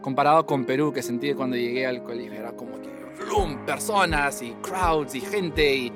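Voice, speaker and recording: A young man, a guest telling his story in a lively way and slipping English phrases in among fillers. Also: mid-range voice, normal speed, music in the background. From Peru. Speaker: guest scientist. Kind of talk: casual interview storytelling.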